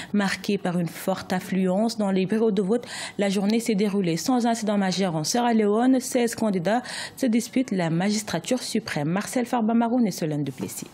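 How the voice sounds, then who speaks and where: A woman news anchor reading the headlines and introductions in a measured, formal manner. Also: medium pitch, dark tone, slightly rough.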